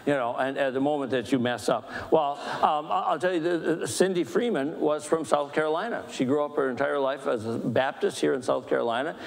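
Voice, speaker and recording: A man's voice: a little high, brisk, gravelly, few pauses. A man, a pastor, leading a church book discussion, telling stories with jokes and questions to the group. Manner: animated, jokey, asks the group questions. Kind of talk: casual storytelling talk. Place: church meeting room. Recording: echoey church hall.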